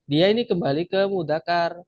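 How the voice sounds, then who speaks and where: A man's voice: sits high, normal speed, darkish tone. A man teaching an Arabic grammar class online, patiently explaining step by step and repeating each word. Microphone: video call. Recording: dull lo-fi video call audio.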